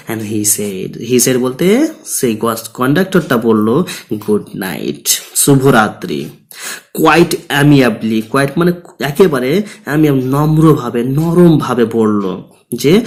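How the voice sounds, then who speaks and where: A man teaching an English lesson, reading English phrases slowly, then explaining them in Bengali with many pauses and filler sounds. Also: medium pitch. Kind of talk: recorded lesson explaining a text line by line.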